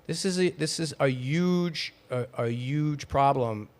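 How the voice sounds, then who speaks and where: A man in his late fifties, a podcast guest who talks in halting bursts and repeats words when pressed. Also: on the high side. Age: 50s. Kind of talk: debating in a podcast interview.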